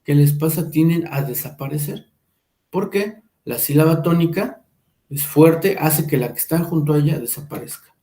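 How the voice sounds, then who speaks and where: A male teacher giving a slow lecture, checking in with his listeners by asking whether they follow and drawing out each example word. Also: on the high side, warm tone, roomy sound. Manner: drawn-out, careful enunciation of example words.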